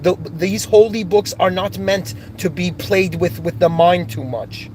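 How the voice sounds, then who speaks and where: A man's voice: high voice, unhurried, noisy background. A man born in Iran and raised in Canada, giving an impassioned, searching spiritual monologue with many restarts and rising outbursts. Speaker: spiritual speaker.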